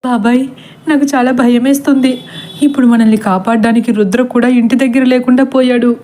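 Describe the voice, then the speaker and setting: A woman's voice: fairly high pitch, steady tone, moderate pace, mellow, a little hiss or hum, lightly acted. A woman voicing a frightened young woman who pleads in a trembling, tearful way in a storybook reading. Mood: anxious.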